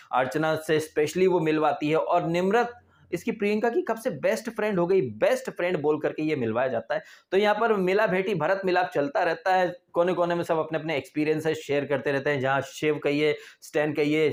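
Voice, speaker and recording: A man reviewing a reality TV episode in casual, opinionated commentary, full of sarcastic rhetorical asides. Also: fairly high pitch. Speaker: TV show reviewer.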